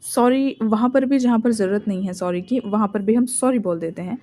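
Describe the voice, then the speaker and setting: An Indian-accented woman leads a spoken English lesson, explaining in Hindi and slowing right down to read each English example sentence. Her voice sits a little high, with a warm, mellow tone. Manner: slow, deliberate reading of English example sentences. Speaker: English teacher.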